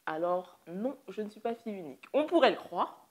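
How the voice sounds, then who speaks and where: A young woman from France co-hosting a casual question-and-answer chat with her father, leading the questions in a lively way. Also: mid-range voice, a little fast, a little hiss or hum. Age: young adult. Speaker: co-host.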